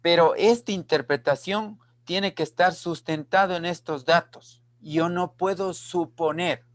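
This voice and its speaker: A man teaching an online class, explaining slowly and repeating key phrases while checking that students follow. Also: a little high, dry recording. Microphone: video call.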